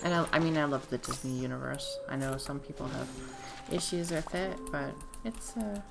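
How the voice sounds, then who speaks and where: Female streamer, low and raspy from a fading voice, casual self-interrupting chatter over game music. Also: moderate pace. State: hoarse, losing her voice. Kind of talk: casual live gameplay commentary.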